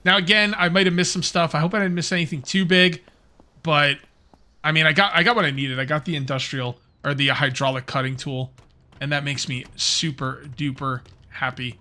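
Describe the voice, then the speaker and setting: This man, a gaming YouTuber, keeps up chatty, rambling let's-play talk with his viewers as he plays. His voice is fairly high and pushed-bright, with fairly even intonation at a normal pace.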